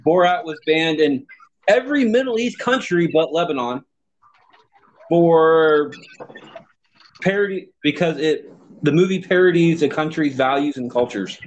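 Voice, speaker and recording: Man from texas, podcast host, slightly high voice, stammering, profane banter. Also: measured pace, long pauses, highs cut off, slight background noise. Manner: stammering, profane, restarts often. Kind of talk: casual banter.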